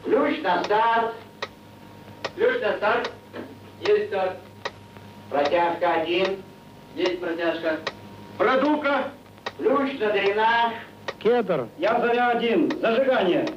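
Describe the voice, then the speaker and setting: A man at ground control giving slow, measured countdown commands over a crackling radio link. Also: high voice, lively intonation. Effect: crackling radio loudspeaker link from the launch site. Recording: distant, echoey, lo-fi archive radio with crackle.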